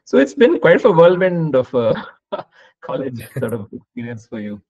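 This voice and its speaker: A man hosting a podcast, asking long, winding questions in a measured conversational way, on slightly muffled audio. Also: medium pitch, sing-song, darkish tone. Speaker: podcast host. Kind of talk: conversational interviewing.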